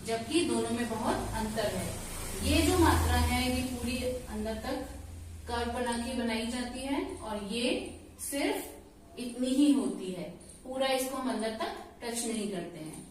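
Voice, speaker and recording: Female teacher, higher voice, slow and patient classroom delivery, distant mic with heavy room echo. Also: a little mellow, slight background noise. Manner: slow, patient explaining with questions to pupils. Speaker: school teacher. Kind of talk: classroom lesson. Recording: very echoey room, voice from far off.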